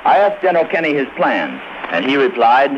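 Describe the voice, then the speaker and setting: A man's voice: mid-range voice, very animated. Male war correspondent, vintage radio news, muffled broadcast with light hiss. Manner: measured, formal reporting. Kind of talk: 1940s radio news report. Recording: muffled 1940s shortwave radio.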